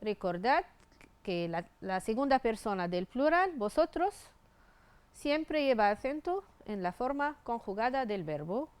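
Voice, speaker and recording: A woman's voice: fairly high pitch, very animated, a little slow, a little mellow, clean tone, no echo. A woman teaching Spanish grammar, reading out verb forms one by one and spelling out the endings. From Tunisia. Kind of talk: grammar lesson.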